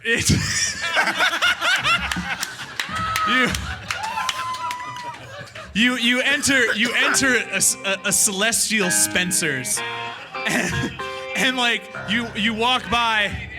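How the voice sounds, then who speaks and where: A man's voice: very high voice, extremely slow, pauses often, over loud music. A man as dungeon master, narrating an improvised comedy tabletop game in a rambling, giggly way with stumbling restarts.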